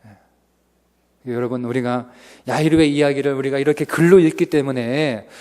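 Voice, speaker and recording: A male pastor preaching a revival sermon, swinging from loud outbursts to whispers, recorded in a church sanctuary. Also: mid-range voice, brisk. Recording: reverberant church hall.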